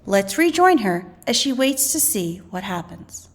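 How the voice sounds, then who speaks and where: Speaking at a medium pitch, a woman reads educational material aloud like a teacher, a little slowly and with a very animated delivery. Her scripted narration is instructional, explaining ideas and posing questions.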